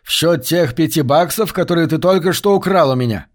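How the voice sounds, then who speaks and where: Man doing a gruff, growling gambler. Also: a little high, animated, normal speed, close to an everyday voice. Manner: growling, blunt.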